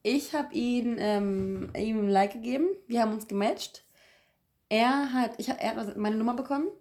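A woman's voice: on the high side, moderate pace. A young woman co-hosting a podcast, chatting casually and telling anecdotes with lots of fillers. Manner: chatty, animated storytelling with many fillers. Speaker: podcast co-host. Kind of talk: casual chat.

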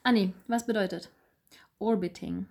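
A woman's voice: mid-range voice, normal speed, darkish tone. A young woman co-hosting a podcast, chatting casually and explaining dating terms in plain words. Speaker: podcast co-host. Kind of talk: casual chat.

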